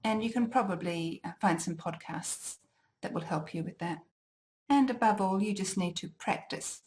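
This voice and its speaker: A woman teaching a language exam lesson, deliberately enunciating each word for listening practice. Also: mid-range voice, a little mellow. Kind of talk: slow, clearly articulated lesson.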